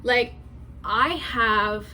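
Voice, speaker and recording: Woman, 20, commentary YouTuber, sarcastic and rambling, slightly high voice. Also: sharp tone, a little hiss or hum, poor audio. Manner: sarcastic, rapid rambling with restarts. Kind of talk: commentary vlog.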